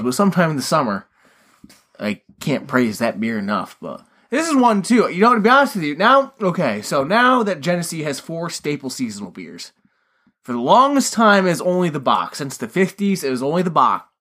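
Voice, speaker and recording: A man's voice: on the high side, very animated, fairly quick, a bit bright. A man co-hosting a podcast in casual chat, rambling and swearing freely as he talks. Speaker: podcast co-host.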